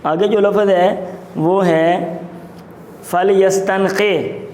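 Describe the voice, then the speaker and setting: A male teacher gives a classroom lecture. He explains vocabulary term by term, repeating each word slowly. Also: high-pitched, steady tone, darkish tone, reverberant, a little hiss or hum. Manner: explains words slowly, repeating terms, mixes in Punjabi asides.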